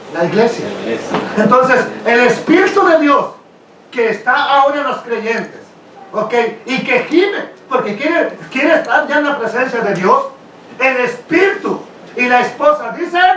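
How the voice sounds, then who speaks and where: A man preaching a sermon, animated, often questioning his congregation and laughing. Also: very high-pitched. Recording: echoey room, mic at a distance.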